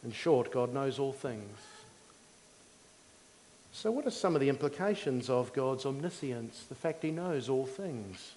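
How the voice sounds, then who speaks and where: A man preaching a teaching sermon in a measured, didactic way, explaining things simply in short phrases. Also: medium pitch, expressive, darkish tone, slight background noise. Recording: long hall reverb.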